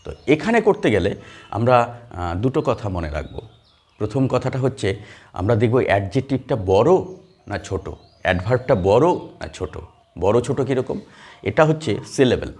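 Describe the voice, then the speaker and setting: A man's voice: medium pitch, very animated, normal speed, long pauses, darkish tone, husky. A man teaching English grammar in a classroom, explaining step by step with many fillers and questions to the students. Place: classroom with a board.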